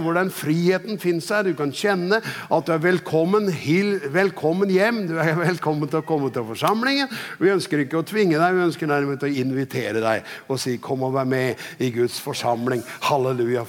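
An older man, a pastor, preaching a sermon in a chatty, joking storytelling way. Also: a little high. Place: church hall. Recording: long church hall reverb.

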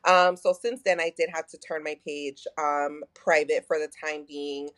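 Speaking deep and at a measured pace, a woman in her thirties with a Texas accent opens up as a guest on a podcast. Her storytelling is conversational and animated, loaded with fillers, and she performs the quotes she relates.

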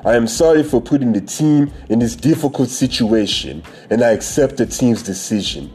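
A man's voice: mid-range voice, normal speed, a little mellow, lightly acted. A man reading out a formal apology in a put-on Nigerian accent.

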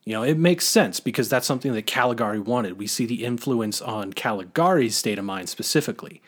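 A man talks through an old film in a loose, casual way, circling back on himself with fillers and restarts. His voice sits at an ordinary middle pitch for a man. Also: expressive, brisk. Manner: rambling, many fillers and restarts. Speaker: podcast co-host.

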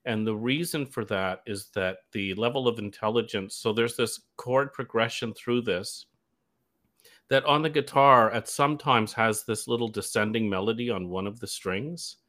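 A man's voice: lowish voice, moderate pace, a bit bright. A man from Canada, a guest DJ on a radio show, talking casually and enthusiastically, rambling with plenty of fillers.

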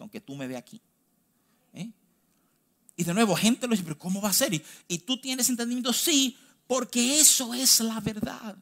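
A man with a Dominican accent preaching a sermon, stressing key phrases slowly and then rushing through quick asides. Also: high-pitched, fairly bright tone. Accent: Dominican Spanish. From Dominican Republic. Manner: emphatic, swinging between slow stressed phrases and quick asides.

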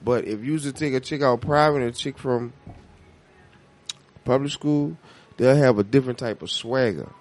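An American man in a casual, heated music debate, animated and argumentative, with slangy, profane talk. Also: mid-range voice, moderate pace, long pauses.

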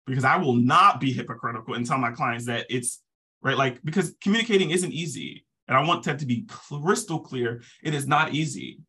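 Man, therapist, forceful tone, husky edge, earnest and emphatic, podcast chat. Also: medium pitch, a little fast. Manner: emphatic, earnest, repeats words for stress. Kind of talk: casual podcast conversation.

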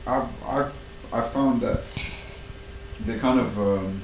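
A young man chatting in a group discussion, halting as he thinks aloud. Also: mid-range voice, darkish tone. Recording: echoey room with clear background noise.

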